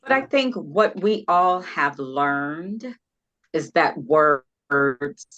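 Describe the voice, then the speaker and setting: A woman co-hosting a podcast, speaking in a slow, measured way. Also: low voice, lively intonation, fairly bright tone, lo-fi sound. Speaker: podcast co-host. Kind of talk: casual chat.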